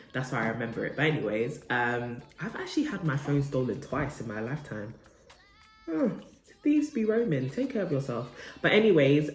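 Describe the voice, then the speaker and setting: A woman's voice: extremely low pitch, darkish tone. Chatty woman vlogging at home. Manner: chatty, rambling, self-correcting with many fillers. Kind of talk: casual vlog chat to camera. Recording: roomy, distant, faint background noise.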